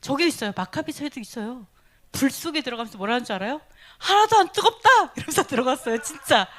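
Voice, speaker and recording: A woman preaching a sermon. She asks the listeners questions, laughs often and drops to a breathy whisper. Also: fairly high pitch, animated, fast, fairly bright tone. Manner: laughs often between phrases.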